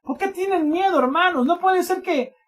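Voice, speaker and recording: A male pastor preaching a sermon, swinging between loud exclamations and hushed asides and repeating phrases for emphasis. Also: very high voice, moderate pace. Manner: repeats phrases for emphasis, addresses listeners as brothers.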